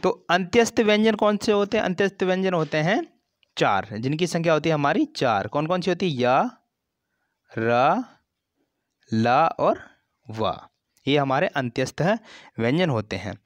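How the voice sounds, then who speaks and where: A man teaching a grammar lesson for an exam, explaining slowly, repeating terms and stretching sounds as examples. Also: fairly high pitch, animated, no room sound. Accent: Hindi.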